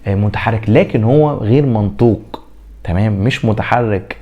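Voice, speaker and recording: A man with an Egyptian Arabic accent teaching a French pronunciation lesson, drawing out example words slowly and answering his own questions. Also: lowish voice, lo-fi sound. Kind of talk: classroom lesson.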